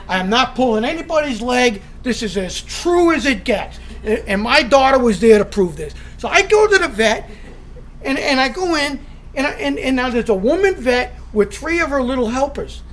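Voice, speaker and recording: A man's voice: very high-pitched, a bit bright, slight background noise. A man from Florida speaking at a recovery meeting, telling a humorous story and chuckling through it with stumbling restarts. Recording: audience laughter in the background.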